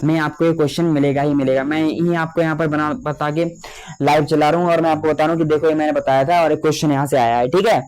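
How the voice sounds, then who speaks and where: A young man teaching a biology lecture, slowly spelling out key terms for note-taking and often calling his students children. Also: fairly high pitch, steady tone, darkish tone. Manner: slow, drawn-out dictation of key terms; repeats fillers addressing students as children.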